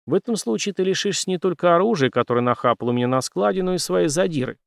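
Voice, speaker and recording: A weary, gruff general grumbles through the scene, voiced by a male audiobook reader. His tone is measured and steady, recorded dry and close with a fairly high pitch. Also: no echo.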